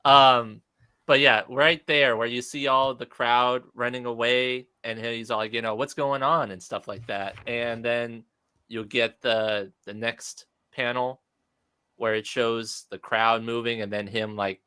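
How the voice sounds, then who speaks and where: A man co-hosting a livestream, chatting loosely and excitably, breaking into laughs. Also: medium pitch, a little slow, clean tone. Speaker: co-host. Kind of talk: casual livestream chat.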